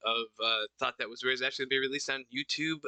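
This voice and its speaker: A man with a Midwestern accent hosting a casual podcast stream, talking in halting bursts with many restarts. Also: medium pitch, steady tone, a crowd in the background. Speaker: podcast host.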